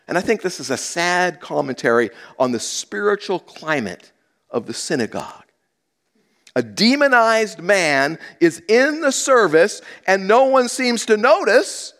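A man preaching a teaching sermon, moving between loud emphasis and hushed asides. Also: on the high side. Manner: teaching verse by verse, dramatic swings from loud to hushed. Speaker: pastor.

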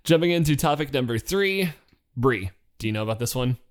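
A man's voice: medium pitch, animated. Jokey man co-hosting a casual podcast. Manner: jokey, rambling, quick asides and self-corrections. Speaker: podcast co-host. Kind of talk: casual news chat.

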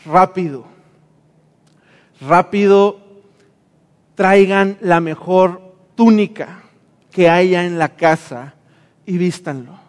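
A man's voice: sits high, in a large hall. A man acting out an older father urgently ordering his servants about.

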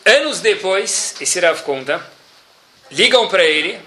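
A man telling a religious story in an animated sermon style. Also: high voice, slow. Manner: lively, animated storytelling with Hebrew terms.

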